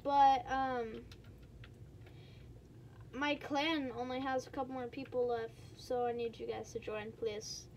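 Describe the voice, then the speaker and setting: A woman giving casual, excitable commentary while playing a game, chatting to her viewers with quick exclamations. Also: high voice, a little hiss or hum. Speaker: gaming streamer.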